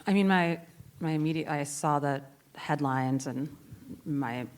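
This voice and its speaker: A woman's voice: low-pitched, a little slow. A woman speaking as a panelist at a live podcast taping, with wry, joking asides. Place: conference stage before an audience.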